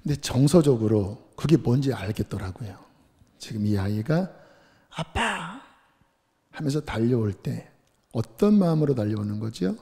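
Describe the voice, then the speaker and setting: A middle-aged man preaching a sermon as pastor, earnest, moving between hushed tender passages and raised emphatic scripture reading. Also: medium pitch, expressive, normal speed. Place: church sanctuary. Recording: long church hall reverb.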